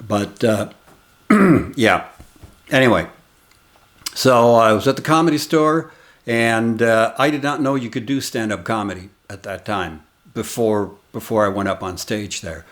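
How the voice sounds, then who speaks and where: A man in his sixties from the United States, a comedian hosting his own channel, casually tells a rambling story looking back on his early days. His voice is fairly low with a fairly bright tone, and he lets his reminiscing anecdotes unfold without hurry.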